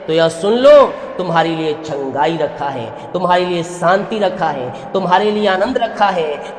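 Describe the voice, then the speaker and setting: A male pastor preaching an impassioned sermon, declaring and calling out hallelujahs. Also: a little high. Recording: echoey hall reverb.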